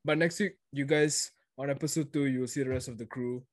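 A man's voice: mid-range voice, fairly even intonation, brisk, dry recording. A young man hosting a casual podcast, rambling and repeating words in an upbeat way. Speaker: podcast host.

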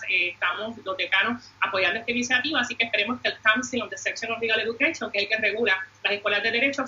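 A woman's voice: a little high, pushed and bright, dull audio, a little hiss or hum. A woman with a Puerto Rican Caribbean Spanish accent giving formal, advocating remarks as a panelist. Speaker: law school dean and panelist.

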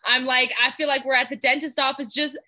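A woman's voice: sits high, little pitch movement, fairly quick, pushed and bright. A young woman in her twenties from Georgia, chatting as a guest on an interview show in a bubbly, rambling way full of fillers. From Georgia, USA. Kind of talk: casual interview chat.

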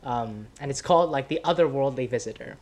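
A man chatting as a guest on a podcast, telling a long story in a rambling, casual way. He keeps checking in with "right?" and scatters "like" and "sort of" through his talk. His voice sits at an ordinary middle pitch. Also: brisk, darkish tone. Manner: rambling, many "right?", "like", "sort of" fillers, frequent laughs. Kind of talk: casual conversation.

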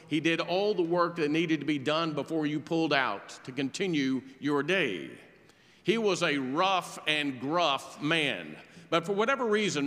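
A man preaching a sermon in a church, telling a story in a measured, earnest way. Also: a little high, a bit bright, big-room sound. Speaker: pastor. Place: church sanctuary.

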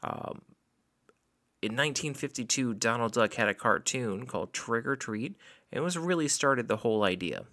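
A man's voice: mid-range voice, animated, moderate pace, a bit bright. A man from Florida with an American accent, talking casually and informatively as a podcast host. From Florida, USA.

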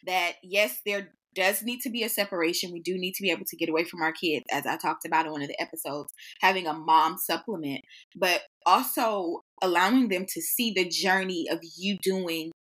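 A woman's voice: on the low side, brisk, fairly bright tone. A woman hosting a podcast, talking reflectively and affirming her guest, speeding up as she makes her points. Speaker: podcast host.

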